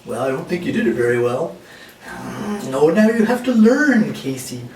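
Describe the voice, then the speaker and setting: A man's voice: a little high, very animated, normal speed, a little mellow. A man voicing a mischievous know-it-all sock puppet in an amateur comic skit, coaxing and mock-instructive. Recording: echoey room, distant mic, faint noise.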